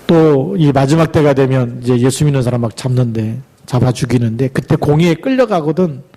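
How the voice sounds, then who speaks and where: A middle-aged male pastor delivering a sermon, exhorting the congregation with rhetorical questions and reading scripture aloud slowly for emphasis. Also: mid-range voice, expressive, dark tone.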